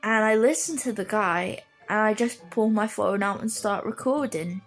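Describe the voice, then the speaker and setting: A young woman casually telling a rambling, animated story, acting out other people's voices. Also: medium pitch, normal speed, soft background music.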